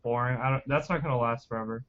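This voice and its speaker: A man's voice: mid-range voice, fairly even intonation, fast, muffled recording, over a noisy crowd. A man in casual gaming podcast chat, jokey and self-deprecating. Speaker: podcast guest, video maker.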